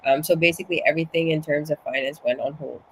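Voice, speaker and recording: A woman's voice: deep voice, fairly even intonation, fast, a bit bright, low-quality recording. Woman, from Suriname, interview guest, slightly out of breath, many restarts, faint background hiss. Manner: restarts often, explains at length. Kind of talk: casual conversation.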